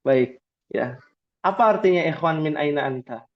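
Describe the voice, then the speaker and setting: A man teaching an Arabic class online, encouraging students and slowly repeating words for them. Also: on the high side, highs cut off.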